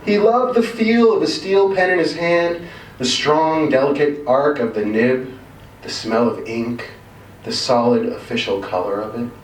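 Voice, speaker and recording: A man with a medium-pitched voice reads a literary short story at a live event, expressive, measured and wryly emphatic. The distant mic gives a roomy sound, with faint background noise.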